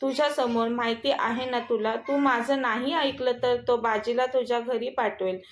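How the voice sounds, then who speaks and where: A woman's voice: on the high side, fairly even intonation, moderate pace, lightly acted. A woman voicing a proud, cruel rich mother-in-law who taunts and scolds, recorded in an echoey room. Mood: taunting.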